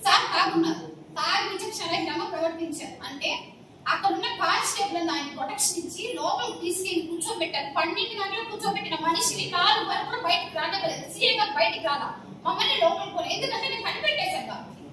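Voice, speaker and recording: A woman's voice: very high-pitched, expressive, fast talker. A woman making an indignant, pleading appeal to reporters, repeatedly addressing them as sir. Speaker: complainant speaking to the press. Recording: echoey, distant mic, noisy surroundings.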